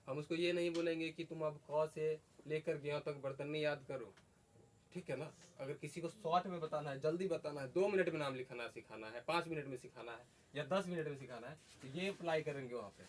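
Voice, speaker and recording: His voice a little high and fairly quick, a man teaches a class by posing questions and repeating what students say. Faint background noise can be heard.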